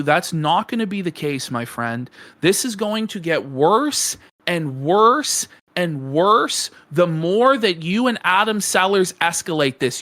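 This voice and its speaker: A podcast co-host with a high-pitched voice rants in heated commentary. His tone is bright and cutting, and the talk is angry and full of profanity. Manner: angry ranting, profane, builds to shouting.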